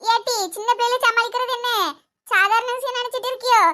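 A woman's voice: extremely high pitch, steady tone, fast, bright, forceful tone. A woman voicing a tired elder sister in a cartoon, exasperated and coaxing, with a Kanyakumari Tamil accent. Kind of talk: cartoon voice acting.

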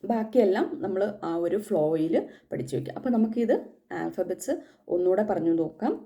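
Mellow-voiced woman teaching letters. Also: mid-range voice. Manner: patient, repeats each letter slowly. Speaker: German language teacher. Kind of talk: casual spoken lesson.

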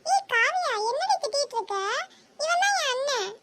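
Cartoon role: an emotional young sister, very high and bright-toned, pleading. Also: female voice, lively intonation, normal speed, a little hiss or hum. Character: emotional loyal young woman, devoted sister. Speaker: cartoon character. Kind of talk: cartoon voice acting.

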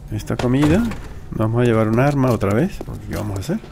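Male gamer, mid-pitched with vocal fry, casual self-talking commentary over noisy game ambience. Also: expressive, fast. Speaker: gamer, let's play host.

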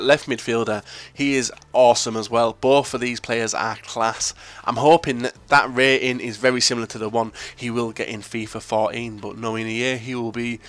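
A man's voice: mid-range voice, a bit bright. Joking Northern English young man. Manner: crude, joking, profane banter. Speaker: gaming YouTuber. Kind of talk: casual gameplay commentary.

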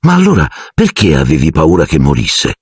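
A man's voice: very deep voice, huge pitch swings, a little fast, a little mellow, slightly rough, no room sound, studio quality, heavily acted. A man voicing a clever, earnest teenage girl in an audiobook, reasoning things through. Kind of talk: audiobook character voice.

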